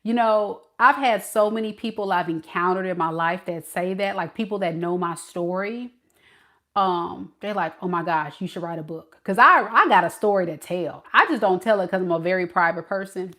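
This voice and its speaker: A woman's voice: fairly low pitch, moderate pace, sharp tone. A woman from California whose speech carries some Mississippi dialect, chatting casually with her live-stream viewers and laughing often. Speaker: tarot reader reading live chat.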